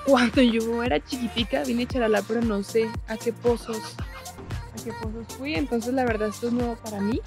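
A woman's voice: on the high side, moderate pace. A young woman, chatting outdoors as she tours a town and explains a grammar point to viewers. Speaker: Spanish teacher and travel vlogger. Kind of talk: travel vlog with language tips. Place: outdoors in a small town and countryside. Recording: music playing behind the voice.

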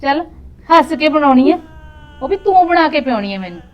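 Woman in a village drama, high voice, gentle coaxing, dull lo-fi sound. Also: big pitch swings, fairly quick. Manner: soft, coaxing. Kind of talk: Punjabi village drama acting.

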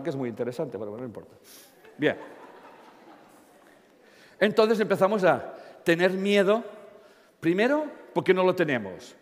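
Blunt Catalan-man lecturing. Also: a little high. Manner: blunt, colloquial, joking, asks the audience questions. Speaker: speaker giving a talk. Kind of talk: live talk to an audience. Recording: long hall reverb.

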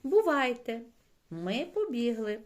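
A woman's voice: fairly high pitch, sing-song, takes it slowly, pitched above the performer's own voice. A woman reading aloud and voicing a friendly, slightly boastful female water-strider insect in a children's storybook.

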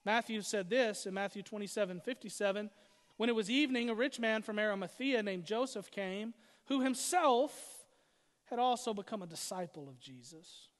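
A man's voice: high-pitched, moderate pace, in a large hall. A man preaching as pastor, building emphasis through repeated short phrases. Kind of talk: sermon.

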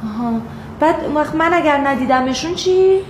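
An actress playing a flustered young wife in a sitcom, polite but quick to argue. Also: female voice, high-pitched, lively intonation, slight background noise. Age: young adult. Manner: polite, then quick and exasperated when arguing. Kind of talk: sitcom acting. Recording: roomy echo.

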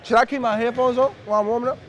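A teenage basketball player from Tennessee wearing a body mic, joking and singing rap lines to himself while warming up in an indoor gym. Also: male voice, very high-pitched, fairly even intonation, rapid-fire, muffled recording. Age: teens. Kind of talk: casual banter while warming up. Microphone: body-worn mic. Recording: crowded gym noise around the mic. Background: players chatting, balls bouncing.

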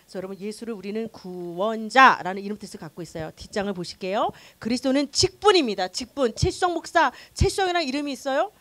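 Woman pastor teaching newcomers, high voice that swoops around a lot, chatty. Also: quick pace, few pauses, no room sound. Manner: animated, conversational, acts out quoted voices. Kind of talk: teaching a new-member church class. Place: church classroom.

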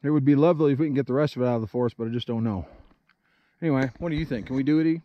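A man hosting a casual vlog outdoors in a forest clearing, explaining his work in a chatty, plain-spoken, joking way, recorded on a handheld camera. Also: medium pitch, racing, dry recording, highs cut off. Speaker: vlog host.

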